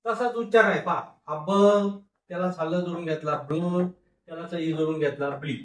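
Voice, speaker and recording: A man's voice: on the high side, a bit bright. Phonics teacher, male, stretches syllables and repeats words; roomy, slightly distant sound. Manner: slow, drawn-out syllable-by-syllable sounding out, repeats each word. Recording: echoey room, voice a bit far from mic.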